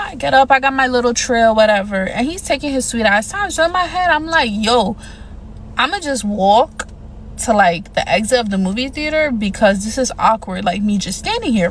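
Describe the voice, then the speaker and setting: A young adult woman telling a dating horror story in a casual, animated way, emphatic and profane, with mounting indignation. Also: fairly high pitch, a little hiss or hum, rough recording. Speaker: storyteller vlogger.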